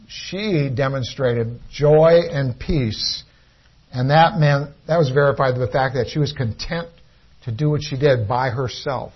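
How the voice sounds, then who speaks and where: A man's voice: medium pitch, slightly rough. A man preaching a sermon in an earnest teaching tone, often restarting his sentences. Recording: dull lo-fi recording.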